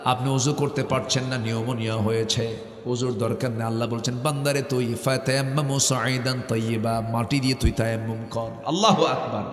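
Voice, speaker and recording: A man's voice: mid-range voice, fairly even intonation, fairly quick, faint music behind. A middle-aged man from Bangladesh with a North Bengal accent, preaching a sermon and leading call-and-response with the crowd. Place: large outdoor sermon gathering. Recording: echoey hall, long reverb.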